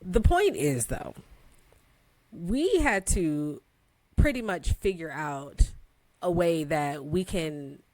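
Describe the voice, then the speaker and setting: Animated woman telling a story, dry sound. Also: low voice, slow, long pauses, no room sound. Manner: animated, laughs often, relaxed colloquial phrasing. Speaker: podcast co-host. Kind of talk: casual storytelling chat.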